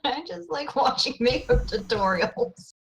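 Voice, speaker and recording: A woman's voice: high-pitched, expressive, unhurried, vocal fry, fairly bright tone, low-quality recording. A woman with a stuffy, runny nose chatting casually with a friend, giggling often. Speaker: friend keeping the streamer company. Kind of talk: casual chat.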